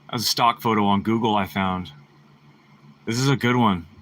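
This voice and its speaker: A man's voice: lowish voice, normal speed, a bit bright. A man with a laid-back frat bro way of talking, chatting casually with viewers on a livestream while he works on art. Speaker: artist livestreaming while drawing.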